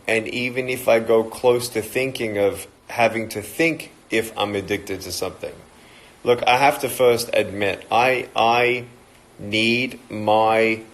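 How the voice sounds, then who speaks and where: A motivational speaker in his thirties with an Australian accent greets viewers on a livestream talk, chatting casually and joking. His voice is fairly low-pitched, and the recording is rough.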